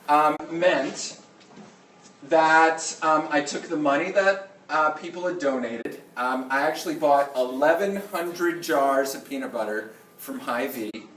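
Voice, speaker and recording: A man's voice: fairly high pitch, lively intonation, a bit bright. Give the voice of a male schoolteacher talking informally to his class in stops and starts. He sounds distant from the mic in an echoey room, and he keeps checking that everyone follows. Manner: halting, repeats okay to check attention. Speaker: middle school teacher. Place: indoor classroom with students. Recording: roomy classroom, distant mic, faint noise.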